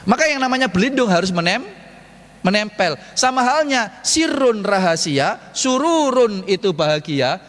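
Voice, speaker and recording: A man preaches to a mosque congregation in a playful, joking way, asking questions and then answering them himself. His voice sits a little high for a man. It rings with the long reverb of a large hall. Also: very animated, moderate pace, fairly bright tone. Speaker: ustadz giving a mosque study talk. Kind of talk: lively sermon with jokes to the congregation.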